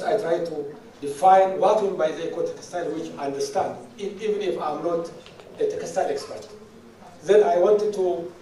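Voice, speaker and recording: A middle-aged man from Ethiopia with an Ethiopian accent, giving a conference presentation in a halting way, full of fillers and restarts. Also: fairly high pitch, dark tone. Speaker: government delegate speaker. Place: large conference hall. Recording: echoey hall, distant mic.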